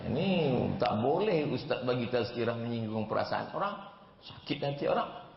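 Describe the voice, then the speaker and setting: A male preacher giving a sermon in a large hall, dramatic, slowing and rising for emphasis, with joking asides. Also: medium pitch, sing-song, gravelly. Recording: echoey hall, dull sound.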